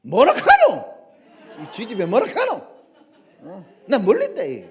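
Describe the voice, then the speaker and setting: A pastor voicing a panicked fisherman who loudly denies knowing anyone, in a Gyeongsang dialect. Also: very high voice, wildly swooping pitch, unhurried, full character voice. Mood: blustering denial. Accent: Gyeongsang dialect, put on. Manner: blustering, laughing denials. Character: panicked fisherman denying, coarse regional dialect.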